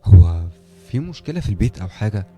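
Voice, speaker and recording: A man's voice: lowish voice, big pitch swings, fast talker, dark tone, soft background music. A man voicing a friendly, talkative young male neighbor with an Egyptian accent who keeps asking curious questions. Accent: Egyptian Arabic.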